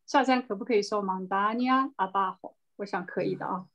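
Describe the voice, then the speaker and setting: A woman's voice: mid-range voice, fairly quick, a crowd in the background. A woman teaching a language class over a video call, patiently correcting pronunciation and explaining words step by step. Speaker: Spanish teacher.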